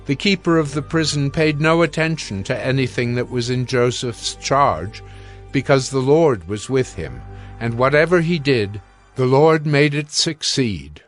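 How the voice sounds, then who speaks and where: A male narrator with a medium-pitched voice reads scripture with music playing underneath. His delivery is solemn and measured, yet his intonation is lively.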